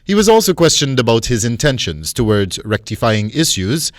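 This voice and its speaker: A man's voice: mid-range voice, sing-song, moderate pace, dry recording, clean studio sound. A man with a Guyanese accent reading scripted narration as a news reporter.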